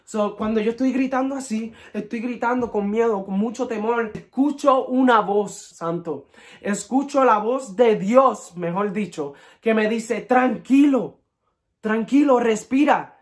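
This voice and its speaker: A man's voice: sits high, measured pace. Earnest man telling a faith testimony. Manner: earnest, emotional retelling; mixes in English words. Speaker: person giving a testimony.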